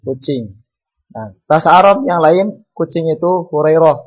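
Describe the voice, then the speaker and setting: A man's voice: on the high side, animated, moderate pace, dull audio. A man teaching an Arabic class, calling on students to read and patiently repeating words and their meanings.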